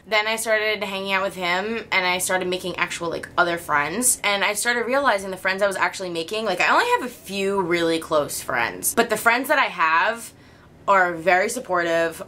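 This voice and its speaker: A woman's voice: medium pitch, sharp tone. A young woman with a regional American accent talking candidly to her camera in a personal vlog, laughing often. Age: young adult. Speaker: YouTuber.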